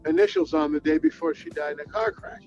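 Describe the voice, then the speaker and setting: A man telling an excitable anecdote as an interview guest, jumping up and down in pitch while he retells it. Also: fast talker, dull audio, faint music behind. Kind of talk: animated storytelling.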